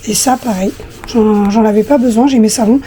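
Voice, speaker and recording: A woman in her thirties with a husky, slightly hoarse voice, chatting casually to her viewers with many hesitations. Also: on the high side, steady tone, a little fast, warm tone, slight background noise. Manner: hesitant, many fillers, talks directly to viewers. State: hoarse after flu, coughing. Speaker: lifestyle vlogger.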